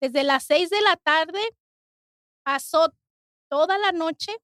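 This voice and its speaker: Brief: earnest woman guest, high voice, halting testimony, dry close sound. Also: fairly bright tone, no room sound. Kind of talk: emotional personal testimony.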